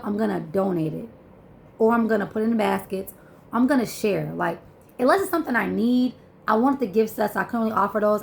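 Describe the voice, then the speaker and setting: A woman telling a shopping story in a vlog, animated and chatty, acting out what people said. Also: mid-range voice, vocal fry, a little hiss or hum. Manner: animated, acts out dialogue, many fillers. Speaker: vlogger.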